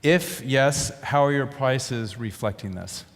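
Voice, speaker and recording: A man's voice: mid-range voice, slow. A man moderating a conference panel, asking questions with a teasing, joking manner. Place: large conference hall. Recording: conference hall reverb.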